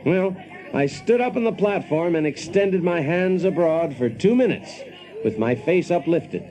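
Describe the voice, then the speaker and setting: A high-leaning male voice with lively intonation and a dark tone narrates at a measured pace as the protagonist of a radio drama. He plays a brash engineer telling his own story with wry, folksy confidence and self-satisfaction. Soft music sits underneath, and the recording is rough.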